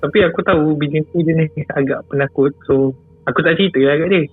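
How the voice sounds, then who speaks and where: A man's voice: a little high, fairly even intonation, quick pace, husky. Seorang lelaki berloghat Malaysia yang bercerita santai tentang pengalaman seram, banyak mengulang kata dan sering tergelak kecil. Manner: chatty, repeats phrases, chuckles often. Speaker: guest storyteller. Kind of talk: casual storytelling about a scary experience. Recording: tinny phone-like sound.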